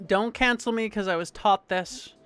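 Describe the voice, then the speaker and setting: A woman's voice: medium pitch, moderate pace, fairly bright tone, clean tone, faint music behind. A young adult woman hosting a casual chat stream, laughing often and swearing freely. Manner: laughs often, loose and profane. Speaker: vtuber streamer host.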